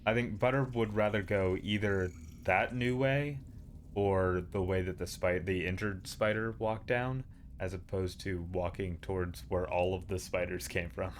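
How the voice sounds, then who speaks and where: A man plays a tabletop game with a very low voice. He makes dry, wry remarks in a casual tone. The recording has faint background noise. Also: fairly even intonation, a little slow. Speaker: player.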